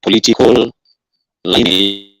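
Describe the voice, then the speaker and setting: A man's voice: lowish voice, fairly even intonation, measured pace, vocal fry, no room sound. Caller: man, hesitant, dry close sound, glitching distorted online-call audio. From Kenya. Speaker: caller in an online political discussion. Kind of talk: casual opinion on a call. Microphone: earphone headset on an online call.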